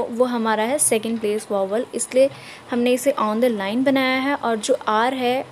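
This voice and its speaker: A woman's voice: on the high side, a little mellow, slight background noise, low-quality recording. A woman teaching shorthand in a screen-recorded tutorial, explaining each step patiently and checking in with her viewers often.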